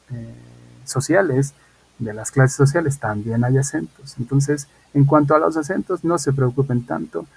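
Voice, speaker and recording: A man's voice: medium pitch, gravelly, darkish tone, breathy edge, rough recording. A man, an English teacher explaining assignments in an online class and often checking in with his students. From Mexico.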